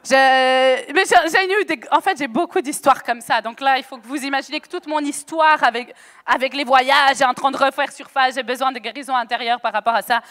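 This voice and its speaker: A woman preacher telling a lively testimony sermon, chatty and animated, acting out dialogue with bursts of laughter, on a stage microphone in a church hall. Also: sits high, a little fast. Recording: long echo of a church hall.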